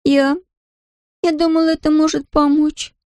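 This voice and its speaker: A narrator voicing a distraught young daughter who pleads in a high, shaky, tearful voice. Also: level tone, a little slow, darkish tone, dry recording, clean studio sound. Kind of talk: audiobook character voice.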